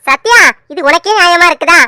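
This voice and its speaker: A woman's voice: very high-pitched, fairly quick, sharp tone, dry recording. A woman voicing a strict elder sister who lectures her younger sibling in a cartoon serial. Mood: reproachful. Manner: reproachful, lecturing.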